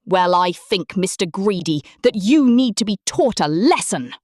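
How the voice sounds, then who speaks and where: A huge storybook giant as a woman reads him booms out his words with stern menace. The delivery is loud, slow and swinging widely in pitch. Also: animated, no room sound, studio quality. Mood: stern, bellowing. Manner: booming, bellowing. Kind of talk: children's storybook character reading.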